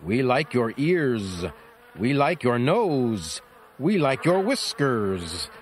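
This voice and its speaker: Brief: stubborn storybook bees, drawn-out singsong chant, done by a man. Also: medium pitch, big pitch swings, a little hiss or hum. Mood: smug. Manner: slow, singsong. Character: swarm of stubborn contented bees.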